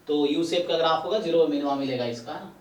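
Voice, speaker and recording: Math teacher in an echoey room. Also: male voice, fairly high pitch, quick pace, far from the mic. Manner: explains step by step, often asking "है ना". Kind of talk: live online lecture.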